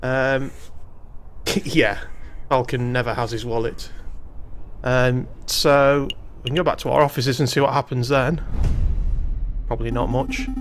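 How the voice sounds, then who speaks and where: A man's voice: mid-range voice, fairly even intonation, measured pace, long pauses, slight background noise. A man streaming a game, reading the on-screen text aloud and adding wry, jokey asides in a casual let's-play style.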